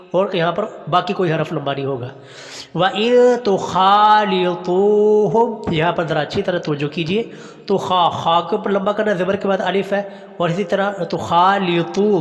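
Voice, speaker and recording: A man teaching Quran reading to adults, reciting each phrase slowly and drawn out, then explaining the letters plainly. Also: high voice, big-room sound. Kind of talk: slow recitation lesson with explanations.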